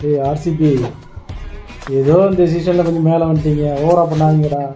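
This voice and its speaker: A man's voice: a little high, flat delivery, moderate pace. A man hosting a meme reaction video, giving casual, teasing commentary. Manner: teasing, mocking banter. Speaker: host. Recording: echoey room with music behind.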